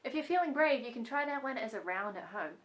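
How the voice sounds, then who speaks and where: A woman with a high-ish, animated voice talks fast as she leads a children's music lesson at home. She is playful and sings song lines between her spoken instructions, and her voice sounds a little distant from the mic.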